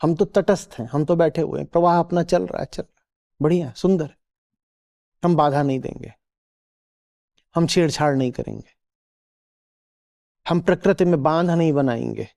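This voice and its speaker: A man's voice: on the high side, moderate pace, creaky, long pauses, mellow. A man teaching a live audience in a spiritual discourse, asking rhetorical questions and checking that listeners follow. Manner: acts out little quoted voices.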